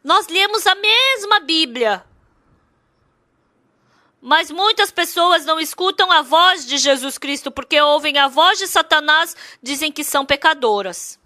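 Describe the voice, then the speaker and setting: A woman interprets a church sermon in a very high, piercing voice. Her tone is bright and forceful. She hammers each point home with repetition and rhetorical questions. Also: animated, measured pace, no echo, studio quality.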